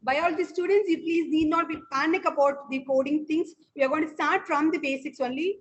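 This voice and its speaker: A woman with an Indian Tamil accent explains a course as its instructor in an online meeting. Her voice is high and she speaks extremely quickly, with a deferential manner. There is faint noise on the call. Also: steady tone. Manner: deferential, often saying sir.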